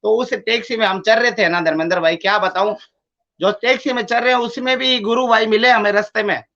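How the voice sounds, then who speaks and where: A man's voice: high voice, fairly even intonation, brisk, bright, forceful tone, lo-fi sound. A man enthusiastically telling of a group meditation, often repeating his phrases. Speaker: guest devotee. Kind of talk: spiritual testimony, casual.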